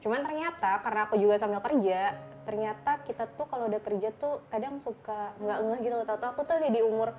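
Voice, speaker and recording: A woman in her thirties with an Indonesian accent, a panel guest telling her story in a reflective, relaxed way. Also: on the high side, fast talker. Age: 30s. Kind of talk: casual chat.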